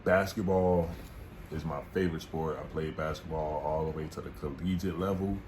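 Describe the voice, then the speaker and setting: On a couple's vlog, a man in his twenties chats in a laid-back, goofy way, hyping himself up. His bass voice is steady and darkish, at a normal speed. The room around him is noisy.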